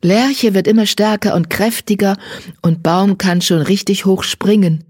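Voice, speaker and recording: A reader voicing a caring, cautious mother she-cat who speaks gently. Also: medium pitch, steady tone, unhurried, no room sound, clean studio sound, pitched above the performer's own voice, lightly acted. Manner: gentle and worried.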